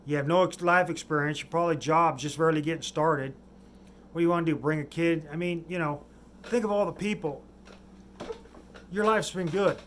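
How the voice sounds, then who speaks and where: A man's voice: fairly high pitch, fairly quick, fairly bright tone, a little hiss or hum. A man talking, often restarting his sentences and trailing off into mumbles. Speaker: vlogger. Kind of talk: rambling monologue.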